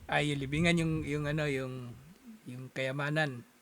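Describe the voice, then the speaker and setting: Filipino guy giving a lecture, kinda high voice, lively, laughs a lot while telling stories. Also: unhurried. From Philippines. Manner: animated storyteller, chuckles often, acts out quoted exchanges. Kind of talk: casual explanatory talk.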